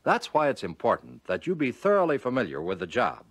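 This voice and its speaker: An American man with a husky, mid-range voice reads scripted narration for a 1940s instructional film. His pitch swings widely, and he gives key phrases measured, instructive emphasis. The recording is dry.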